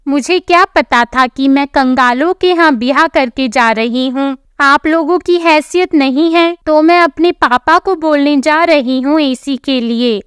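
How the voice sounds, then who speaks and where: A woman's voice: high-pitched, measured pace, hardly any pauses, dry recording, clean studio sound. Woman reading as a haughty young bride. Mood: indignant. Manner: contemptuous, sharp-tongued. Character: arrogant rich young daughter-in-law, haughty and scornful. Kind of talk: storybook narration.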